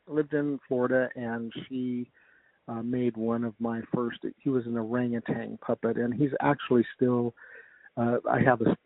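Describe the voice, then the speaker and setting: A man's voice: medium pitch, dry recording. A middle-aged man with an American accent speaks as a guest in a casual interview. His recollections ramble and halt as he searches for details. The sound is dry and slightly band-limited, like a phone call. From United States. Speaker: guest, comedic ventriloquist. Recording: narrow, dull radio-like phone line.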